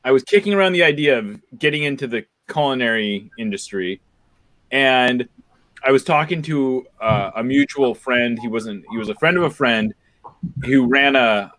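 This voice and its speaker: A man's voice: medium pitch, expressive, normal speed, a bit bright. A man hosting a casual chat, talking while he eats. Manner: chatty, talks with his mouth full. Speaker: podcast host.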